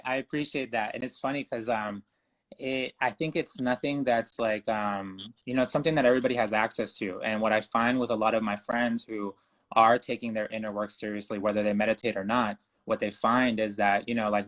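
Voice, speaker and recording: Calm, low-voiced man from Ecuador. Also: brisk. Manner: calm, reflective, earnest. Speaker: guest. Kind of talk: conversational interview.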